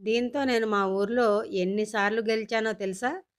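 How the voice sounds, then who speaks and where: A woman's voice: fairly even intonation, normal speed, natural voice. A woman voicing a nostalgic middle-aged father in a storybook reading, fond of his childhood toys. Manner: fond, then wild and shrill when crossed.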